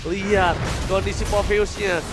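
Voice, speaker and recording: A man with an Indonesian accent doing excited, emphatic esports play-by-play as a caster, often raising his voice. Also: high voice, unhurried. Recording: music behind the voice. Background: music.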